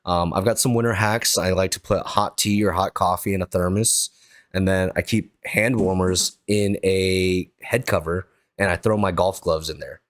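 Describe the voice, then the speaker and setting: A man's voice: low-pitched, fairly even intonation, moderate pace, no room sound. A man hosting a casual golf podcast, upbeat and full of fillers. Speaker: podcast host.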